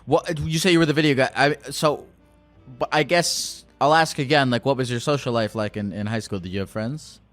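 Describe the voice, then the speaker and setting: A man's voice: medium pitch, fairly quick, faint music behind. A man interviewing someone, asking short, probing questions.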